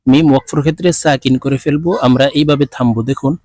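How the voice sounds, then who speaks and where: A man with a Bangladeshi accent teaching Quran reading, spelling each word letter by letter and then chanting it slowly and drawn out. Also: mid-range voice, fairly even intonation, a little mellow, no room sound. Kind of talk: spelling out and slowly reciting Quranic words in a lesson.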